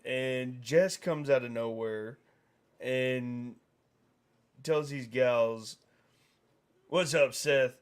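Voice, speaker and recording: A middle-aged man talks in an unhurried, drawn-out way as he tells a rowdy family story on a stream. He slips into other people's voices and breaks into laughs along the way. His pitch sits in an ordinary middle range. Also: clean tone. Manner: animated storyteller, mimics voices, laughs often. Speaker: streamer host. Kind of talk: casual storytelling chat.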